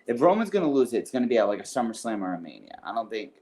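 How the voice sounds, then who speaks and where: A man's voice: on the low side, sing-song, racing, darkish tone. A man co-hosting a wrestling podcast in casual chat, rambling and hedging as he thinks aloud. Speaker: podcast co-host.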